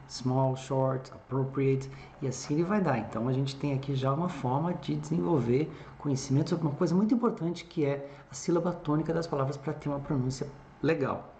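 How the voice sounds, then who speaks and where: A man's voice: medium pitch, dark tone. A man, an English teacher, narrating a screen-recorded tutorial, explaining step by step and checking in with the listener often. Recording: echoey room with faint background noise.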